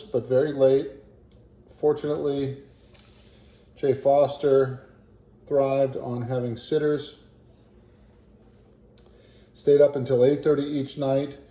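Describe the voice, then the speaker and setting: A man reads a family letter aloud at a slow, halting pace. His voice is very mellow and dark, and he pauses to work out words or add small asides. The room around him gives the recording a clear echo. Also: mid-range voice. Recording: roomy, echoing home recording.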